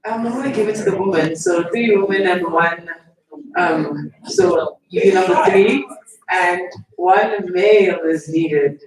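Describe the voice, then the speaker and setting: A woman co-runs a session, playful and slow as she picks who asks next. A crowd murmurs around her, and the very echoey hall puts her far off. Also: on the low side.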